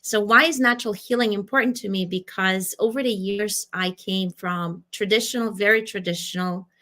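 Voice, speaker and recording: A woman in her forties with a Ukrainian accent, a wellness coach telling her story as a podcast guest in earnest, slightly halting English. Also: mid-range voice, fairly even intonation, sharp tone. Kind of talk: casual interview talk.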